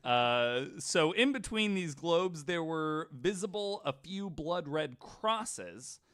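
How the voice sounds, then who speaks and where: A man hosts a podcast with a fairly high, smooth, slightly bright voice, speaking slowly with lively intonation. His storytelling is casual, irreverent and sweary, marked by frequent stammering and repeated words, with the occasional quote read aloud.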